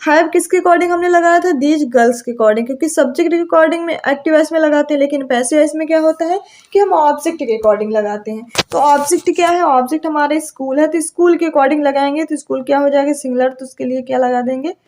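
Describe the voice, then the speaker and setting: A young woman teaches an English grammar lesson, posing questions and answering them herself while drawing out her example sentences slowly. Her voice sits high and sounds a little mellow.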